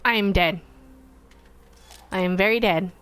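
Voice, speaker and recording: A woman's voice: mid-range voice, measured pace, a bit bright, clear, resonant tone. A young woman commentating her gameplay casually, exasperated and dramatic, swearing freely. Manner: exasperated, profane, dramatic outbursts. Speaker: let's play gamer.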